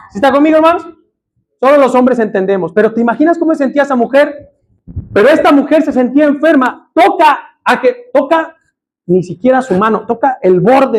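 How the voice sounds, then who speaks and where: A man's voice: sits high, low-quality recording. A man with a Mexican Spanish accent preaching a sermon in church, emphatic, often calling out to the congregation as brother.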